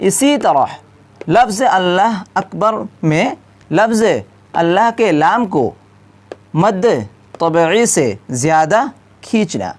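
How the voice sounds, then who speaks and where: A woman's voice: on the low side, animated, takes it slowly, long pauses. A woman teaching how to recite the call to prayer, asking herself questions and answering them, stretching out the example phrases as she chants them. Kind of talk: explaining the correct call to prayer.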